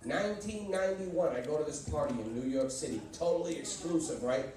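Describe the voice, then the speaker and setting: A fairly quick, slightly mellow voice on the high side belongs to a man from Boston, USA, doing stand-up in his native accent. He tells brash, punchy stories and ribs the audience, heard through an echoey, distant recording full of crowd laughter.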